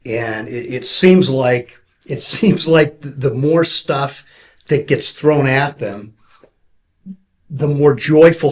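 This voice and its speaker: A man talking with a church member in an earnest, quick way, often restarting his sentences. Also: medium pitch. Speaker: pastor interviewing a church member. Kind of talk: casual conversational interview.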